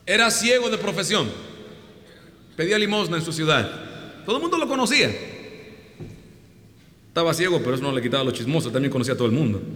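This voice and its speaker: A man's voice: fairly high pitch, fast, pauses often. A man preaching a humorous sermon, retelling a story with playful acted-out voices. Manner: animated, jokey, acts out voices in the story. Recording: long hall reverb.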